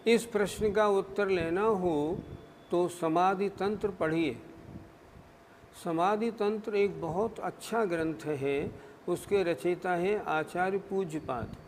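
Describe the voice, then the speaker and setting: A male religious scholar explains scripture at a slow, deliberate pace, often posing a question and then answering it. His voice sits high. It rings in a long hall reverb over a faint background hum. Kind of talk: scriptural discourse.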